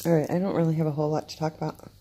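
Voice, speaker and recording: Low, mellow-voiced woman chatting casually. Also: steady tone, rapid-fire. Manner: rambling, self-interrupting, chatty. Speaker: vlogger. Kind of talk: casual chat to camera. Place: home, downstairs room.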